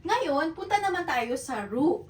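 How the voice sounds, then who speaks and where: A Japanese teacher gives a beginner lesson in Tagalog mixed with English, speaking in a high-sitting, sing-song voice that's a little slow. She's patient, repeats herself, and often checks with learners by asking "okay?" The low-quality recording is echoey, with the mic far from her.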